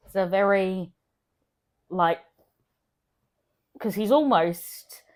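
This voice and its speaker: A woman's voice: medium pitch, very slow, a little mellow. A woman co-hosting a film podcast in casual, enthusiastic chat, often trailing off and restarting. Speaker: podcast co-host.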